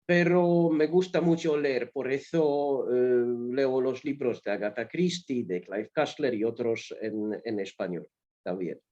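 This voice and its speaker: A Polish man chatting as a guest in a foreign language, speaking in measured phrases with pauses and fillers. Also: mid-range voice, warm tone, highs cut off. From Poland. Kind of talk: casual multilingual conversation.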